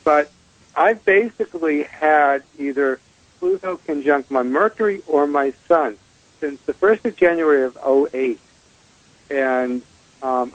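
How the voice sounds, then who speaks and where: A man's voice: a little high, dry recording. Radio guest astrologer, male, hesitant with lots of ums; tinny metallic phone sound, dry and dull. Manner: hesitant, pauses with many ums. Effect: tinny, metallic phone-line sound. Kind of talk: casual phone conversation.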